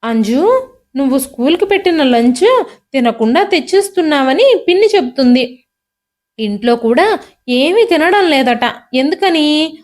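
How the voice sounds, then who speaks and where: A woman voicing a gentle, caring middle-aged father who speaks in a soft, coaxing way. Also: high voice, very animated, a little slow, pauses often. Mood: concerned.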